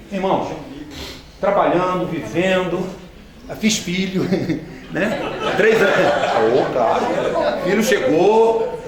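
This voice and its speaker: A man, a missionary giving a church training talk with humorous anecdotes, joking and asking the audience questions directly. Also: high-pitched. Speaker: missionary speaker. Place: large hall with a live audience. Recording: echoey hall from far off, audience audible.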